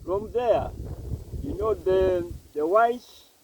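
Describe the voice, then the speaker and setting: A man interpreting an interview outdoors, translating in halting phrases. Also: sits high, animated. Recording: windy outdoor recording, distant mic, boat noise.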